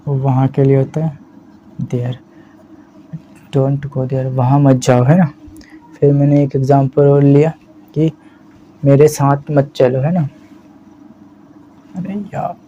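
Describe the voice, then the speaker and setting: A man teaching spoken English in Hindi, explaining slowly and checking in with "है ना" again and again. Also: medium pitch. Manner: slow, repeats "है ना" as a steady check-in. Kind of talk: explaining a language lesson in Hindi. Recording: slightly dull lo-fi audio with faint background hiss.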